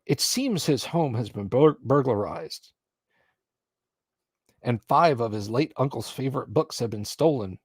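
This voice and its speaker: Acting as game master for a live stream, a man reads out scenario passages and adds remarks on the rules. His mid-pitched voice is husky and animated, a little slow, captured up close with no room sound at all.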